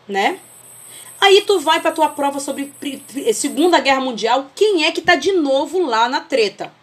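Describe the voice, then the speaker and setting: A woman's voice: high-pitched, lively intonation, measured pace. A woman with a Brazilian accent teaching a history class over a video call, explaining with homely family comparisons and often checking that students follow.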